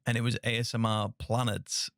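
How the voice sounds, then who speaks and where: Soft-spoken gravelly Northern English man. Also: mid-range voice, flat delivery, a little fast, no echo, clean studio sound. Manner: casual, chatty, laughs easily. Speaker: podcast host. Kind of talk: soft-spoken interview chat.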